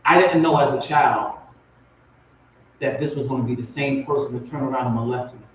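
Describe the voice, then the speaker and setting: In a medium-pitched, fairly bright voice that moves a little fast, a man tells his story as personal testimony. He's a spoken word poet guesting on a talk show, raised in Compton, California and Portmore, Jamaica, and he stresses his points by repeating phrases. Expect very echoey, distant, noisy audio.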